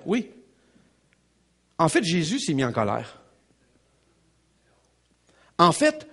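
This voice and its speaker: Man, pastor, Québécois French accent, emphatic sermon, lively pitch, husky voice. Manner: animated, emphatic preaching with repetitions and asides to the congregation.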